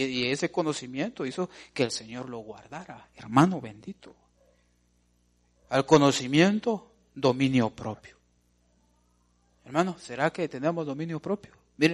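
Pastor, animated preaching that drops from loud to hushed, calling everyone brother. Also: male voice, medium pitch. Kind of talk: sermon.

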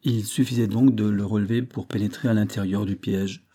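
A man reads an adventure novel aloud in a deep, dark tone. His pitch sits low, and he lifts it noticeably for the quoted lines of dialogue. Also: steady tone, a little fast. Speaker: audiobook reader. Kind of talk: scripted narration of a classic novel.

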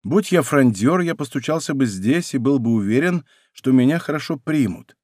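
A man's voice: mid-range voice, animated, normal speed, a little mellow, no echo, studio quality, natural voice. A man voicing a bold young Gascon musketeer lieutenant in an audiobook, speaking with a Gascon accent in a brash, defiant way. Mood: brisk. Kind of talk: audiobook character voice.

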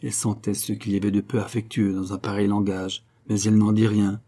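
Male audiobook narrator: low, mellow voice, measured literary reading. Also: little pitch movement.

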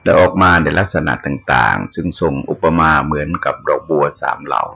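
Older male monk, measured sermon delivery, very low and creaky. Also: expressive, sharp tone. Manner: slow, measured explaining with pauses. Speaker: Buddhist monk.

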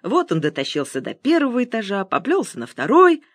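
Expressive woman reading an audiobook. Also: mid-range voice, fairly quick, no room sound, clean studio sound. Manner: expressive, ironic storytelling. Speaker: audiobook reader. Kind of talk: audiobook narration.

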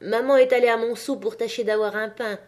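A woman's voice: on the high side, fairly even intonation, fairly quick, a little mellow, lightly acted. A woman voicing a sly neighbor wife who chatters on with feigned surprise, in a storybook reading.

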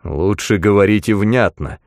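A man voicing an arrogant male linguist who speaks slowly, quietly and with threat. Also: lowish voice, no room sound, studio quality, lightly acted. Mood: menacing.

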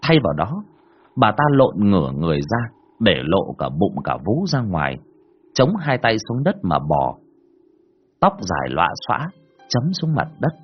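A man narrating a first-person horror story in a dramatic, drawn-out way. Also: low voice, huge pitch swings, slightly rough. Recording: dull lo-fi recording.

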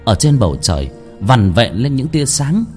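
Dramatic storyteller man, lively pitch. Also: normal speed, soft background music. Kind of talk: narrating a ghost story.

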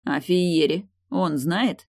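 A woman's voice: lowish voice, slow pace, vocal fry, a little mellow, heavily acted. A woman voicing a hungover, sardonic man who talks drily and mockingly, in an audiobook. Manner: dry, mocking.

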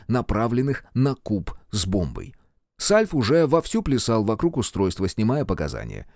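A man narrating a first-person audiobook in an expressive storytelling manner. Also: mid-range voice, no echo, studio quality.

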